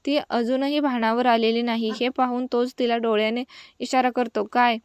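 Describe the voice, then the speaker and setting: A woman narrating a romance story aloud in a steady, even storytelling manner. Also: on the high side, normal speed, smooth, no room sound.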